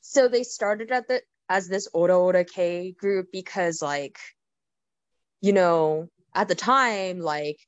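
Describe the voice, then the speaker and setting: A woman co-hosting a casual chat, opinionated and quick, on a dull lo-fi recording. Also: fairly low pitch, no echo. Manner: opinionated, quick, laughs easily. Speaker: podcast co-host. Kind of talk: casual chat about Japanese pop music. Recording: dull lo-fi sound.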